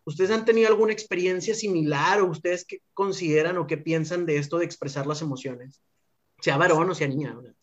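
A man, a teacher hosting a podcast, speaking reflectively and haltingly with restarts. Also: a little high. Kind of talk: casual conversation. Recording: dull lo-fi audio.

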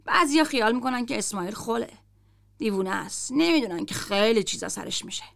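A woman reading the lines of a gruff, foul-mouthed grown man who grumbles and swears in a story. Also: fairly high pitch, lively intonation, fairly bright tone.

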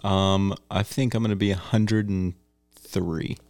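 A young man, chatting casually with quick, short reactions. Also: low-pitched, steady tone, a little mellow. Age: young adult. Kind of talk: casual chat.

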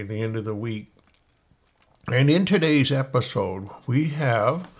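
Man, podcast host, wry commentary on headlines, medium pitch. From Maine. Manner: wry, self-mocking asides. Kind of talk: reading headlines with offhand commentary.

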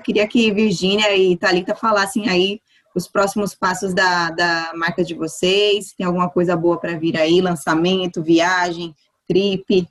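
A woman's voice: fairly low pitch, flat delivery, measured pace. A woman from São Paulo co-hosting a podcast, talking in an easygoing, slangy and upbeat way. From São Paulo, Brazil. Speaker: podcast co-host. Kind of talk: casual podcast chat.

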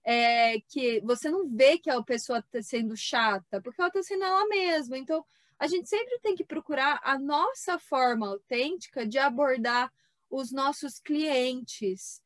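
Brazilian woman podcast co-host, high and lively, close dry mic. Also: a little slow, no room sound. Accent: Brazilian Portuguese. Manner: lively, acts out quotes of artisans. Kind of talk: casual podcast chat.

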